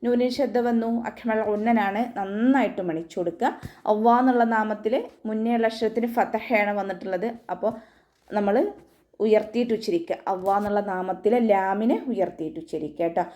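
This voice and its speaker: A woman teaching Quran recitation rules in an online tajweed lesson, giving calm step-by-step instructions and often checking in with her listeners. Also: mid-range voice, a little fast. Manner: calm step-by-step instruction with frequent tag questions.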